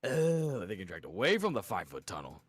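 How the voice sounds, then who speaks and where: A man's voice: lowish voice, huge pitch swings, brisk, husky, dry recording, clean studio sound. A man playing a tabletop game, playful and full of puns. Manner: playful punning. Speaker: player. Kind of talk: casual tabletop play.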